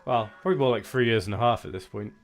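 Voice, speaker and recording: This is a man from Wales, Welsh accent and all, talking very fast over faint background music. He's streaming a game and keeping up a chatty stream of commentary while reading and replying to viewer messages.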